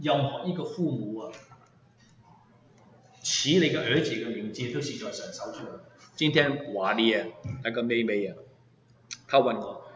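A man's voice: medium pitch, a little hiss or hum. A man preaching a sermon as pastor, emphatic and full of rhetorical questions to his listeners. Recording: echoey hall, dull sound.

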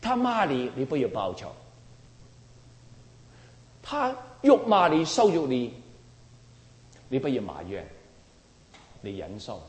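A man's voice: mid-range voice, huge pitch swings, takes it slowly, pauses often. A man preaching a sermon emphatically, often asking the congregation rhetorical questions. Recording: roomy hall with long reverb.

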